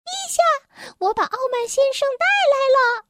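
A woman voicing a tiny mischievous male elf in a children's storybook, with a very high, squeaky, teasing voice. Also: lively intonation, normal speed, slight background noise. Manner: teasing, giggly. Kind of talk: storybook character voice.

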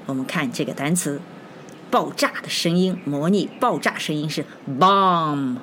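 A woman teaching an English phonics lesson, speaking slowly and deliberately, spelling out letters and repeating each word. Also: low voice, expressive, slight background noise.

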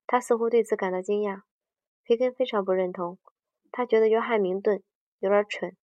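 Her voice is medium in pitch, fairly even in intonation, and a little fast as she hesitantly reads a book aloud, frequently restarting and correcting herself mid-sentence. The sound is dull, dry, and distant, without echo.

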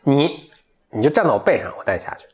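A man's voice: medium pitch, big pitch swings, fast talker, darkish tone, pitched above the performer's own voice, lightly acted. A man voicing a friendly, helpful male sea turtle with magic powers, in a casual told folktale.

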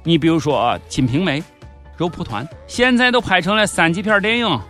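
Animated and brisk, a Shaanxi-accented male host runs through comedic scripted news commentary in a high-pitched, pushed, bright voice. He plays it sardonic and mock-serious, and music runs in the background.

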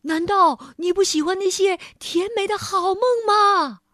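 A woman's voice: extremely high pitch, expressive, unhurried, no echo, studio quality, pitched above the performer's own voice. A woman voicing a fat, timid old king who stammers nervously.

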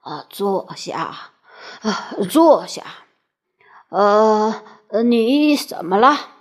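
Woman as plump puffing doctor for a storybook reading, deep and very slow, greedy and breathless. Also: a bit bright. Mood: wheezy, greedy. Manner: puffing, drawn-out, with grunting fillers.

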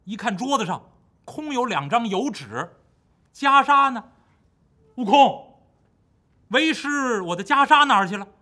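A man voicing a gentle, pious male Buddhist monk master in a spoken folk tale, mild and earnest. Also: sits high, very animated, normal speed, breathy edge, exaggerated voice. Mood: anxious.

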